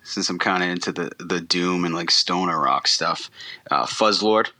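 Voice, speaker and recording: A man guesting on a podcast, talking in a relaxed, rambling way with many ums and restarts. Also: deep voice, moderate pace. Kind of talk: casual interview chat.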